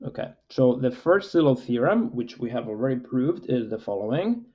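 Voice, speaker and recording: A man, a mathematics professor, lecturing with frequent "uh" fillers in a measured, explanatory way. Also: medium pitch, expressive, muffled recording.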